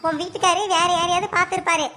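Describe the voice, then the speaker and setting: A woman voicing a worried village mother who scolds her neighbour sharply in an animated story. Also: very high-pitched, very fast, noisy background. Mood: scolding. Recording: voice with loud music behind.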